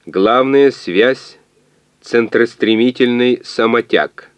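Monotone halting calculator machine, read by a man. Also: mid-range voice, smooth, no room sound, pitched above the performer's own voice, natural voice. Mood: flat, halting. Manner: monotone, clipped word-by-word delivery. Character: translating calculator machine speaking in halting fragments. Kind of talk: audiobook reading.

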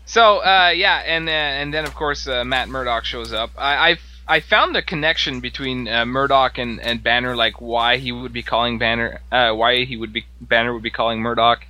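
A man's voice: mid-range voice, normal speed, few pauses, sharp tone, rough recording. A man co-hosting a podcast, reviewing a comic in a hesitant way with many restarts. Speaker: podcast co-host. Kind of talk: casual comic book discussion.

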